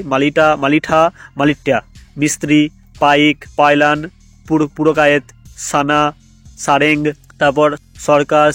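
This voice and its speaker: Man reading a list, plain and even. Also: fairly high pitch, no echo. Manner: plain, methodical, reads items one by one. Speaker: education channel host.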